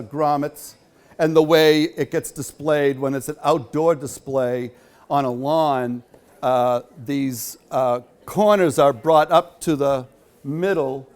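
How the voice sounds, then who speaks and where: In a hall, a man speaking as the featured guest at a quilt show rambles chattily, packs his speech with fillers, and answers questions from the audience. His voice is fairly high, smooth, and darkish in tone.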